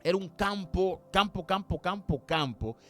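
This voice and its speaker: A man from Cuba, preaching an impassioned sermon that swings from loud to hushed, with slow, drawn-out dramatic quotes. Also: high-pitched. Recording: faint music behind.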